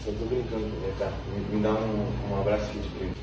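A man's voice: lowish voice, little pitch movement, fast talker. A young man pulling pranks on his family in a teasing, playful way. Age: young adult. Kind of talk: prank skits. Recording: echoey room, from far off, noisy.

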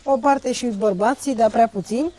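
A woman's voice: a little high, warm tone, slight background noise. A middle-aged woman, a mother-in-law, talking bossily in a farmyard. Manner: scolding, bossy. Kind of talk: casual rural chat. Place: farm courtyard outdoors.

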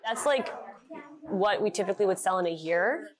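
In a mid-range, animated voice at a moderate pace, a young woman who runs a small candle shop gives an earnest, heartfelt interview. She's recorded on a lapel mic inside her store.

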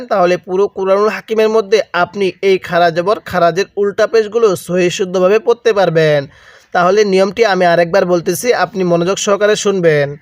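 A man's voice: sits high, no room sound, clean studio sound. A man teaching Quran letter pronunciation with a Bangladeshi Bengali accent, patiently drilling each sound and asking listeners to repeat after him. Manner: patient, repeats each letter slowly and asks the viewer to read along. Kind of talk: slow recitation lesson with call-and-repeat drills.

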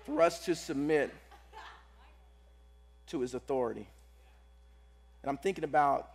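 A pastor preaching to a live church congregation. He is casual and energetic, and he uses slang and repeats his phrases. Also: a little high, breathy edge.

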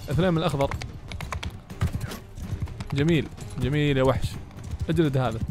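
Man, fast game commentary over loud music, slightly high voice, excitable. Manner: excitable, cursing at enemies, cheering allies. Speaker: gaming YouTuber. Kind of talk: let's-play commentary. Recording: music playing behind.

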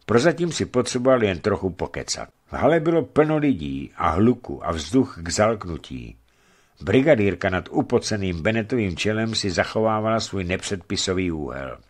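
A man narrating a novel in a radio reading, in an expressive, dramatic manner. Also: fairly low pitch.

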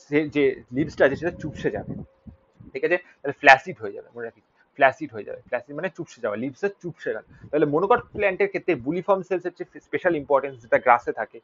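A man teaching biology for an exam, mixing in English terms and often asking rhetorical questions and checking "clear?". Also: on the high side. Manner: mixes Bengali with English terms. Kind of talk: exam-prep lecture. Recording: dull lo-fi recording.

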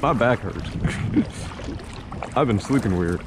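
Young male fishing vlogger, unhurried, easygoing chatter outdoors on the water, clear lake noise underneath. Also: mid-range voice, lively intonation. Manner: chatty, self-deprecating, talks to himself and the fish. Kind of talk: casual running commentary while kayak fishing. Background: water and outdoor ambience.

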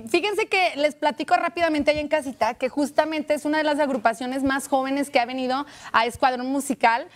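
A woman's voice: sits high, fairly even intonation. A Mexican woman in her thirties hosting a TV music show, interviewing a band in a studio with a handheld mic, chatty and playful. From Aguascalientes, Mexico. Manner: chatty, playful, quick asides.

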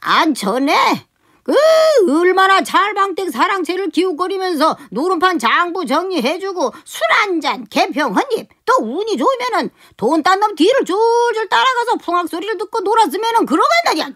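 A woman's voice: very high voice, lively intonation, moderate pace, a bit bright. A woman voicing a cranky old Taoist sage in a radio comedy, scolding and mocking his servant. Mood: lecturing. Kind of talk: radio comedy sketch acting.

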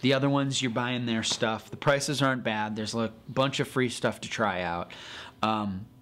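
A man's voice: medium pitch, moderate pace, slight background noise. Male podcast co-host, easygoing explainer, talking from inside a shop. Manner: relaxed, explanatory, with many fillers and restarts. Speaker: podcast co-host reviewing comic apps. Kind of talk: casual chat. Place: comic store, indoors.

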